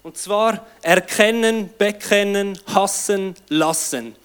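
A man's voice: high voice, takes it slowly, fairly bright tone, smooth. A man preaching a sermon, fervent and exclamatory, often breaking in with eager interjections. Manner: fervent, exclamatory, with frequent "hey" and "wow".

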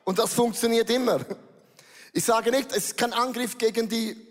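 High-voiced man preaching in an echoey hall. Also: moderate pace. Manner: lively, mixes English phrases into German. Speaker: pastor. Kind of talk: sermon.

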